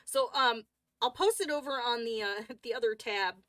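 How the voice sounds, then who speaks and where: A woman's voice: fairly high pitch, moderate pace, a bit bright, no room sound. A woman hosting a coloring livestream, chatting casually and rambling with lots of fillers and restarts.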